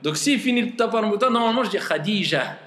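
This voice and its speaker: A man teaching Arabic reading in a patient classroom way, slowly repeating syllables and gently correcting a student. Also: high voice, expressive. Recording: echoey room with long reverb.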